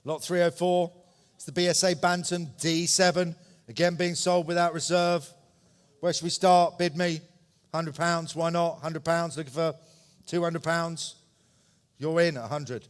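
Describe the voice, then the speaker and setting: A man works as a live auctioneer, his voice a little higher than average. He repeats numbers in short, brisk phrases and adds polite asides to the bidders. The sound carries a long reverb from a large indoor hall. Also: fairly even intonation, clear, resonant tone. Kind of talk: live auction calling, running bid commentary.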